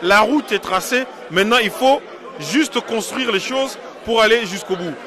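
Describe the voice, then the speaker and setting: A man's voice: sits high, lively intonation, moderate pace, a crowd in the background. A man from Congo, a diaspora political activist, answering interview questions in an emphatic, insistent way and repeating his points.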